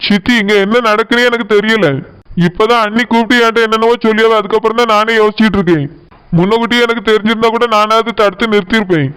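A mild, peacemaking young village man from a cartoon, voiced by a man, speaking in a Tirunelveli accent with a high, smooth, clear voice. He talks fast and soothingly, trying to calm everyone down. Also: poor audio. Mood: placating. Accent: Tirunelveli Tamil. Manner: soothing, placating. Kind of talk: cartoon voice acting.

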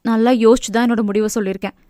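A shy young woman who speaks her mind politely and earnestly, as a woman reads her. Her higher voice is recorded close and dry. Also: steady tone, racing, mellow, dry recording, lightly acted.

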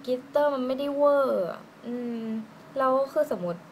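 A woman doing a casual lipstick swatch review, chatty and giggly, musing aloud with drawn-out fillers. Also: sits high. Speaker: beauty vlogger. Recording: noisy room ambience.

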